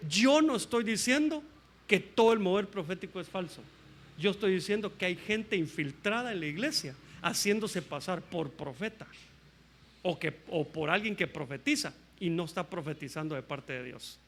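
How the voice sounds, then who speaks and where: A male pastor with a high voice and a bright, forceful edge, preaching a sermon. He tells the story in an animated way and speaks the characters' lines himself. He calls out to his listeners as "brother". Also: moderate pace. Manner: animated storytelling, acts out the kings' and prophet's lines; addresses listeners as "hermano".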